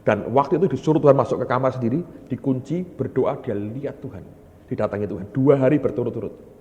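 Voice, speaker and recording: A male pastor preaching a sermon, telling stories with lively energy and often addressing the congregation directly. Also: medium pitch, quick pace, muffled recording. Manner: animated storytelling, often calling the congregation "brothers". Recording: long hall reverb.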